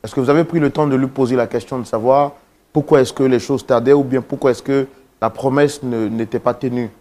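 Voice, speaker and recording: An actor playing a talk-show host who asks formal, measured questions of his guests. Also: medium pitch, steady tone, dark tone, close to an everyday voice. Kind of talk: staged talk-show interview.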